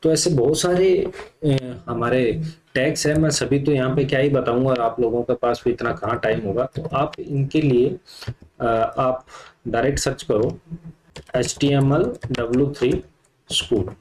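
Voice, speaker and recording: During a live coding lesson, a male instructor walks through the material step by step while typing, with frequent filler words. He speaks at a moderate pace in a medium, slightly mellow voice, and the low-quality audio carries a little hiss or hum.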